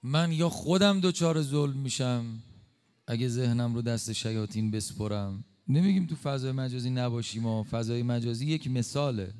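A male preacher giving an impassioned sermon, slowing for emphatic stresses and dropping suddenly quiet. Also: mid-range voice, clear, resonant tone. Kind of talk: religious sermon.

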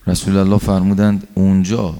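Male preacher, lowish voice, storytelling sermon with a long hall echo. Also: monotone, dark tone, clean tone. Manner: narrates stories and acts out quoted speech.

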